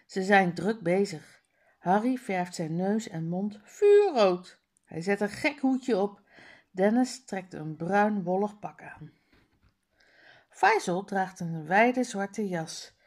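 A woman's voice: medium pitch, expressive, slow, a little mellow. A woman reading a children's book aloud page by page, with careful word drills. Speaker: reader.

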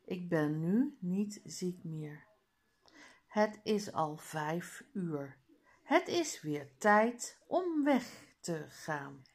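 A woman reading aloud, voicing a friendly female teacher who is getting over the flu, slow and lively. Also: lowish voice, full character voice. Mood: warm. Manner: friendly and welcoming.

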